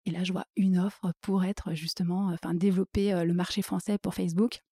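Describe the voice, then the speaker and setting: A woman's voice: fairly low pitch, flat delivery, brisk, dark tone, dry recording, clean studio sound. A woman guest in a casual interview, telling her career story with many fillers and acting out her own inner thoughts.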